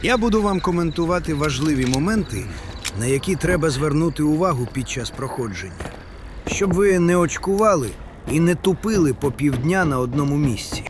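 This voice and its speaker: A man's voice: a little high, animated, fairly quick, noisy background. A man giving casual, slangy commentary over his gameplay.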